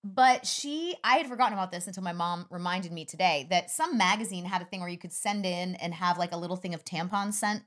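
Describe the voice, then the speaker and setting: A woman's voice: fairly low pitch, fairly quick, few pauses. A middle-aged woman co-hosting a podcast, chatting casually and acting out people's voices as she tells stories. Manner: animated storyteller, acts out voices. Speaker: podcast co-host. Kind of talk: casual chat.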